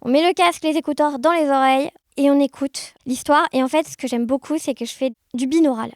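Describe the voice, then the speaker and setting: A woman with a high voice talks informally and animatedly as an interview guest; she makes amateur audio fiction. Her tone is steady and her pace fairly quick in this casual conversational interview. The recording is dry, with clean studio sound.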